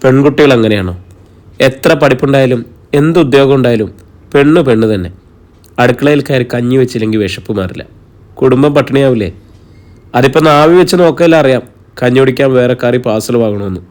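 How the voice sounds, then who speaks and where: A man's voice: medium pitch, fairly quick, pauses often, a little mellow, natural voice. A man reading the part of a playful, bossy youngest sister in an audio story. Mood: teasing. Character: lively teasing young woman, youngest sister.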